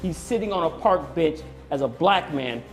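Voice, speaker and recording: A man with a fairly high voice presides over a courtroom. He questions people formally and firmly, with faint music behind. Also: expressive, moderate pace, fairly bright tone. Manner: formal, firm. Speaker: TV court judge.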